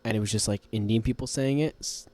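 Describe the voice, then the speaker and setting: A man's voice: lowish voice, quick pace, a loud crowd. Rambling young male podcast co-host. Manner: joking, rambling, trips over tongue twisters. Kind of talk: casual chat.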